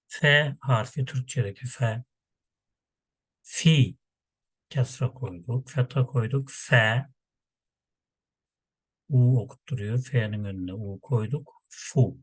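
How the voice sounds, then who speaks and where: Slow, husky male teacher drilling syllables. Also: mid-range voice, no room sound. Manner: drawn-out syllable drilling, patient and repetitive. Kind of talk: slow letter-by-letter Quran lesson.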